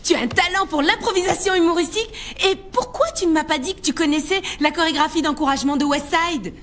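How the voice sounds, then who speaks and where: A woman playing an excitable, encouraging school squad leader in a family comedy film, with an exuberant, urging manner. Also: extremely high pitch, fast, a little hiss or hum. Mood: admiring, urgent.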